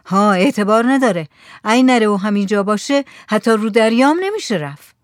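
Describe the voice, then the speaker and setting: A woman doing a doubtful, uneasy villager with a who speaks in warnings. His voice is raised in pitch. The recording is close and dry. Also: animated, no echo.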